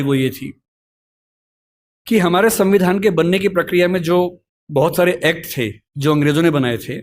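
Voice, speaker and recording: Measured middle-aged Hindi-speaking lecturer, man. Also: a little high, a little hiss or hum. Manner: calm, reasoned, storytelling asides. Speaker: lecturer answering student questions. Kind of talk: measured explanatory lecture talk. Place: college lecture hall.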